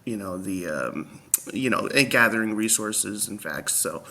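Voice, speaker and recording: A man's voice: fairly low pitch, lively intonation, unhurried, creaky, bright, forceful tone. A young man who is out of breath and wheezy, walking through a website in a casual, hesitant way with many ums. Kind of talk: casual screen-share walkthrough.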